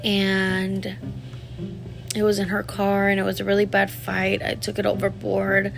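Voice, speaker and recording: A woman's voice: mid-range voice, completely flat delivery, a little slow, creaky, over music. A woman in her thirties telling a personal story to camera, candid and rambling, full of "like" fillers and talking straight to her viewers. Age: 30s. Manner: addresses viewers directly. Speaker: vlogger.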